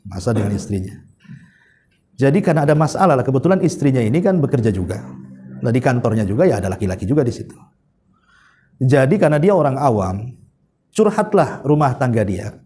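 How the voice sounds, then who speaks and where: A male preacher, telling stories in a chatty, animated sermon. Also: mid-range voice, breathy edge. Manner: chatty, animated retelling with laughs. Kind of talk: sermon storytelling.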